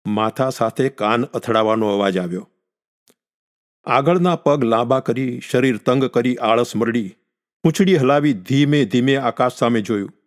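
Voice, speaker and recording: Guy reading a story out loud, steady and calm, mid pitch. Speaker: narrator.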